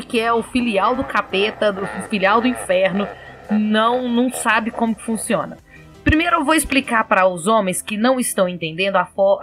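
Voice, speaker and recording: A woman's voice: medium pitch, a bit bright. A woman hosting a podcast, explaining things in casual chat and laughing often. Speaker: podcast host.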